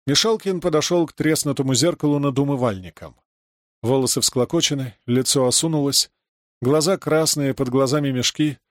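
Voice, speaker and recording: A man narrating a dark rural adventure story, reading scripted prose steadily. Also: medium pitch, no echo, studio quality. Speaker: audiobook narrator.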